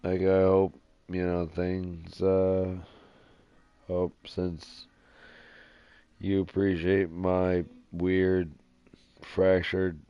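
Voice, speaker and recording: A man live-streaming a game from his dim living room, rambling in a sleepy, drowsy monotone. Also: deep voice, very slow, long pauses, smooth, no room sound. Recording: dull lo-fi stream audio with faint music.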